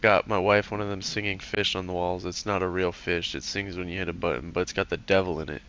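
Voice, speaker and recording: A man's voice: sits low, fairly even intonation, fast talker, a bit bright, clear, resonant tone, pitched below the performer's own voice. A man voicing a superstitious rural man who writes to the governor about a haunted singing fish, in a folksy, plain-spoken manner and a put-on accent. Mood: worried.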